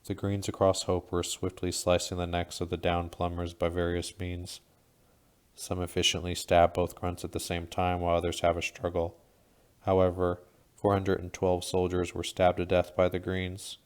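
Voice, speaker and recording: A man narrating an audiobook in a steady, measured reading. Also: sits low, clean tone.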